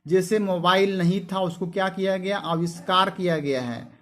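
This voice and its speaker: A man's voice: high-pitched, fairly even intonation, moderate pace. A man teaching English vocabulary, who spells words letter by letter and keeps asking his students questions that he then answers himself. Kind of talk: explaining word meanings to students.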